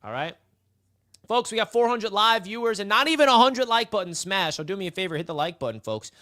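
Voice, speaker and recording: With a high, sharp voice, big pitch swings and a fairly quick pace, this man hypes up his casual live sports stream. He's outdoors in the sun, chatting directly with his viewers.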